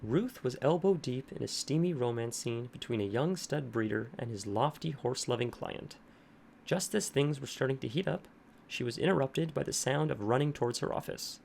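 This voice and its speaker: A man narrating a horror story in a steady, measured way. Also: medium pitch, creaky, a little hiss or hum.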